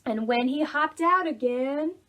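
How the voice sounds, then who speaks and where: A children's librarian with a high voice and measured pace hosts preschool storytime. She reads aloud and leads action rhymes for small children in an animated, singsong, exaggerated style.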